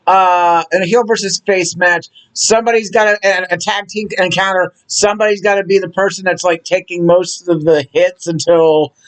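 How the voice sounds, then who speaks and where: Podcast co-host, casual wrestling chat; measured, hedging, fair-minded, many restarts. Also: medium pitch, steady tone, rough recording.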